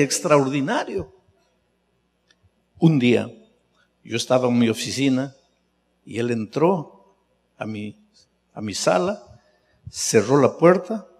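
Middle-aged male pastor, impassioned storytelling sermon, mid-pitched voice, long hall reverb. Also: a little mellow, slightly rough. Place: large hall at a youth congress.

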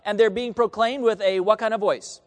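In a large hall with long reverb, a high-pitched man delivers a call-and-response sermon at a moderate pace. His intonation stays fairly even as he reads scripture and poses questions the congregation answers.

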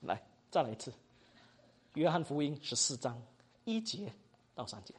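一位马来西亚口音的男讲道老师在课堂上授课，说话生动随意，句尾常带"哈"。. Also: male voice, on the high side, normal speed, slightly rough. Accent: Malaysian Mandarin. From Malaysia. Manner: animated, chatty, ends phrases with 哈. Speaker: preaching instructor. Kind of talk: classroom teaching.

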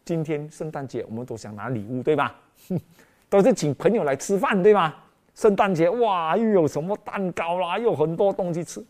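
A man's voice: a little high, animated, normal speed, darkish tone. A man preaching a Christmas sermon with emotional, dramatic exclamations, often calling out to the congregation as brothers and sisters.

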